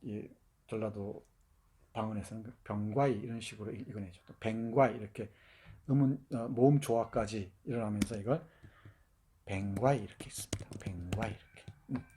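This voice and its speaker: A man's voice: on the low side, fairly even intonation, brisk, dark tone, a little hiss or hum. A man giving a university literature lecture, explaining and demonstrating dialect pronunciations, with frequent fillers and restarts.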